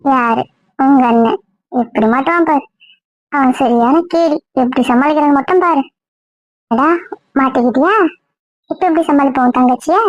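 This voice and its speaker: A sly sister-in-law who plots in a conspiratorial tone , as a woman acts her out. Her voice is high. The recording is dull and dry. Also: moderate pace, pauses often, no room sound, lightly acted.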